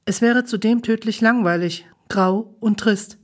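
A woman's voice: a little high, unhurried. A woman voicing a stern middle-aged mother who lectures her daughter in a matter-of-fact way, in a storybook reading. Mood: lecturing.

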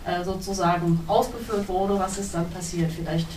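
A woman's voice: on the low side, fairly even intonation, moderate pace, a little mellow. A woman moderates a panel discussion, putting long, formally worded questions to a guest. She is heard from some distance in a roomy hall, with faint background noise. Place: cinema hall. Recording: echoey hall, distant mic.

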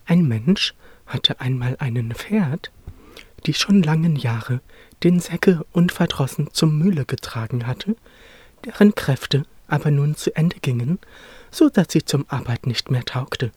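A storyteller reads a fairy tale aloud at a slow, unhurried pace. The voice moves in a lively, melodic way, and the recording is dry and close. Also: mid-range voice, husky, no echo. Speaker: narrator.

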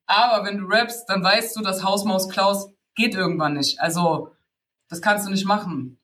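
A woman from Berlin who raps, giving tips in a relaxed, street-slang tone. She laughs often, breaks off and restarts sentences, and keeps talking straight to the listener. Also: mid-range voice, normal speed. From Berlin, Germany. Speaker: rapper giving rap-writing tips. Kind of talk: casual spoken tutorial.

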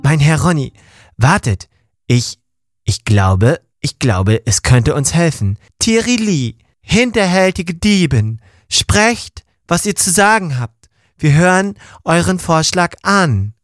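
A man's voice: on the high side, very animated, slow, dry recording, studio quality. A man voicing a pompous male squire companion who lectures in a stilted, formal way in an audio story. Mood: solemn.

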